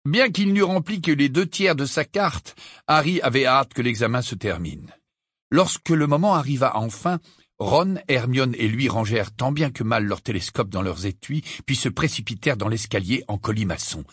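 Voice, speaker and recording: A man reading an audiobook aloud in an expressive, dramatic way. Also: medium pitch, moderate pace, husky, dry recording, studio quality. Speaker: audiobook reader. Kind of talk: audiobook narration.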